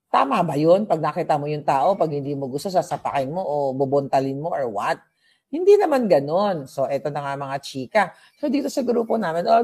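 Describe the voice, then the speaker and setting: A vlogger from the Philippines chats through a casual livestream in a gossipy way, mixing English into the talk. The voice sits at a middle pitch, and the speaker often turns to address viewers directly. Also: a little mellow. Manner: talks straight to viewers and their comments. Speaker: political vlogger.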